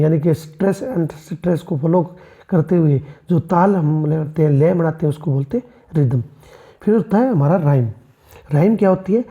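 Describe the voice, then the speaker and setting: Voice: medium pitch, narrow, tinny audio. A literature teacher giving an exam-prep lecture, asking rhetorical questions and answering them, addressing the students as friends and mixing in English terms. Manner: mixes English terms into explanations.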